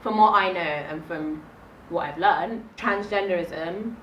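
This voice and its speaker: A woman's voice: fairly low pitch, a little slow, a bit bright, a little hiss or hum. A woman in a casual group discussion, talking emphatically and growing insistent as she argues her point. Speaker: discussion panelist. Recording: roomy echo, mic at a distance.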